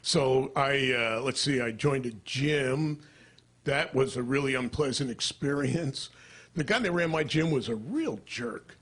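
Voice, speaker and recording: An older man performing stand-up comedy into a stage microphone, deadpan and dry, jumping into character voices. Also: medium pitch, a little slow, a little hiss or hum.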